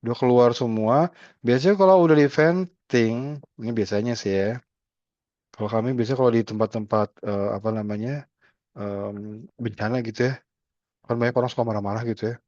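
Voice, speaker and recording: Brief: male trainer, mid-pitched, chatty explanatory delivery, dull and dry recording. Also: brisk, pauses often, darkish tone, no room sound. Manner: conversational, acts out example dialogues. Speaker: speaker at a health communication forum.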